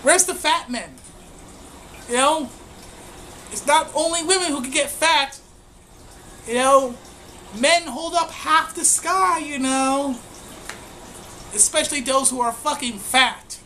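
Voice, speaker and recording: A woman's voice: high-pitched, slow, long pauses, pushed and bright, a little hiss or hum, low-quality recording. A woman giving profane, mocking commentary on a video she is reacting to. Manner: crude, profane and scornful.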